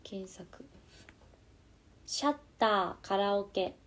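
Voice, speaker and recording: A young woman with a mid-range voice chats casually and slowly on a live stream between karaoke songs, reading viewer comments aloud. She keeps her voice down so the neighbours won't complain. She's in the corner room of her apartment, with background noise audible.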